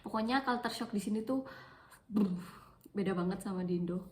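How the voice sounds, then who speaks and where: Chatting casually into her phone for a personal vlog, a young woman from Malang, East Java, Indonesia speaks in a medium-pitched, darkish voice, a bit fast. Her East Javanese accent is clear, and she repeats words for emphasis.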